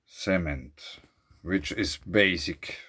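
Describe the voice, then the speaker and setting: A man with a very low voice talks through a casual vlog recorded outdoors by a lake. He reads out facts, then drifts into rambling asides, thinking aloud as he goes and trailing off. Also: very slow, bright, forceful tone, slightly rough. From Switzerland. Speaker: vlogger. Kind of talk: casual musing monologue. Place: outdoors at a lakeside beach.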